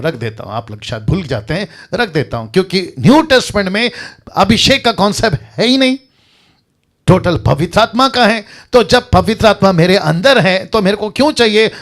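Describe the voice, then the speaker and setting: A man's voice: high-pitched, a bit bright. A man preaching a sermon as a pastor, emphatic and repeating lines for effect.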